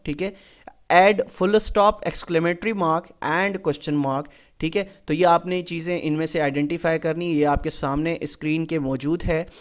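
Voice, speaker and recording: Male tutor, lightly raised pitch, unhurried lecturing style with frequent check-ins. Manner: slow, deliberate reading of English example sentences, then explains in Urdu-Hindi; repeats "theek hai" often as a check-in. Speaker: English grammar teacher. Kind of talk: recorded exam-prep lecture.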